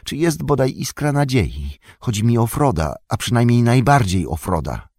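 A man voicing an anxious, eager young male hobbit in an audiobook, his voice raised high and urgent. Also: very animated, moderate pace, a little mellow, dry recording, clean studio sound. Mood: pleading. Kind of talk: audiobook reading.

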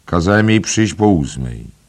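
A man voicing a jovial, mocking young man who talks loudly and theatrically, in an audiobook. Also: sits low, very animated, measured pace, pitched above the performer's own voice, exaggerated voice. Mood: boisterous. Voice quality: exaggerated, playful. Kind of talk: audiobook character reading.

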